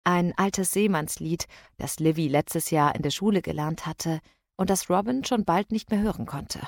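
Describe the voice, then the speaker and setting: A woman reads an audiobook in measured, steady narration. Her voice sits somewhat low, and the recording is dry and close, with no room sound at all. The storytelling is even and unhurried. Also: vocal fry, no echo. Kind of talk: scripted narration.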